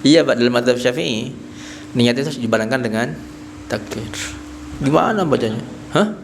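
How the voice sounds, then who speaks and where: Mid-pitched man, an Islamic teacher leading a mosque study circle, talking to the congregation in short conversational bursts. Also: normal speed, vocal fry, background noise. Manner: tags nearly every phrase with "Pak"; asks the audience questions and answers them himself. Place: small prayer hall.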